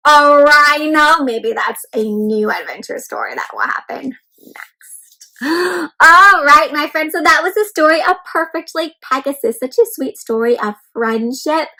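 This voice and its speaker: On a rough recording, a woman with a high voice reads a picture book aloud to young kids. Animated and interactive, she treats listeners as friends and poses questions to them.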